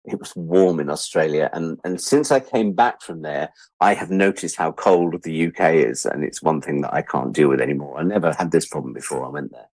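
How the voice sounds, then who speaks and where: With a bass voice that is a little fast and a little mellow, the interview guest speaks in a dry recording. He's a British freelance media producer around sixty, chatting in a relaxed, reflective way, candid and wry, often repeating words for emphasis.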